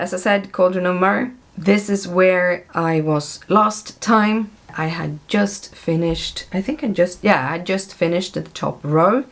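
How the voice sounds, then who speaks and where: Low-voiced woman chatting about her stitching. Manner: chatty, with frequent ums and self-corrections. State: losing her voice. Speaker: cross stitch vlogger. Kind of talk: casual chat showing stitching projects.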